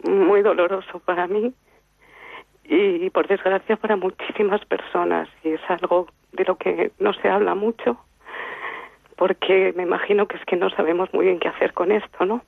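A caller in her fifties speaks over a thin, tinny phone line, her voice gravelly and dry. She talks nervously and earnestly, pausing often as she tells her story. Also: on the low side, steady tone, no echo. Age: 50s. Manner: halting, earnest, many pauses and fillers. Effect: heard over a phone line. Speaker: radio caller. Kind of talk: personal testimony on a call-in show.

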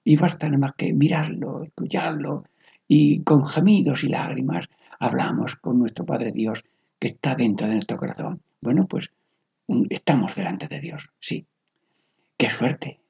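A man leading a guided meditative prayer as a priest, speaking slowly and softly with many whispered repetitions. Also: mid-range voice. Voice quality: gravelly, husky. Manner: slow, soft, often whispered repetitions. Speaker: priest leading spiritual exercises. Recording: dull lo-fi recording.

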